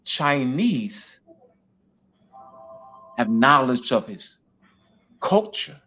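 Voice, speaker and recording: A man's voice: mid-range voice, big pitch swings, extremely slow, sharp tone, faint music behind. A man speaking as a guest speaker in a teaching talk, emphatic and repetitive, with many "you know"s. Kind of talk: teaching talk on an online show. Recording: dull lo-fi audio.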